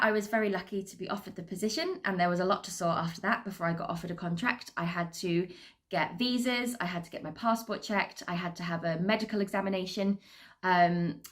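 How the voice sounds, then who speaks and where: A British woman talking informally to camera as a cruise entertainer, in an upbeat, chatty and articulate manner. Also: medium pitch. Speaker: assistant cruise director and entertainer. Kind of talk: informal career talk to camera.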